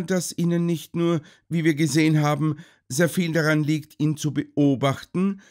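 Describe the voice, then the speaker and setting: A man voicing a calm, shrewd detective who talks in a measured, thoughtful way. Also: a little high, pitched above the performer's own voice, natural voice.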